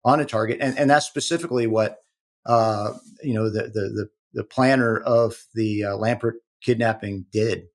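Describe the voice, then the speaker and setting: A man speaking as a guest in an interview, explaining in an earnest, halting way with many repeated words. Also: fairly low pitch, steady tone. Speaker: protective intelligence executive, guest. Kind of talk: conversational interview talk.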